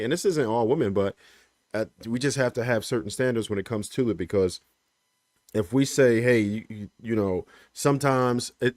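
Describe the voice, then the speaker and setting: Low-voiced man arguing a point. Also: darkish tone, dry recording, studio quality. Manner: measured, hedging with "um" and "right?". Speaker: panel guest. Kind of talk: opinionated livestream debate.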